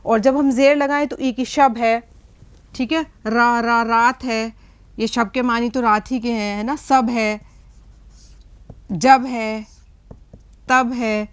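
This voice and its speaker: A woman's voice: a little high, steady tone, slow pace, pauses often, clean tone. A middle-aged woman teaching a language lesson at a board, explaining patiently and often checking that listeners follow. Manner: patient explaining, frequent checks like "hai na?" and "theek hai". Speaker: Urdu teacher.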